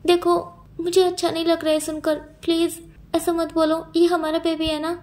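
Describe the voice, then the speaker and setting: A woman's voice: extremely high pitch, completely flat delivery, normal speed, a little mellow, pitched above the performer's own voice. A woman voicing a tearful, pleading young man. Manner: pleading, earnest.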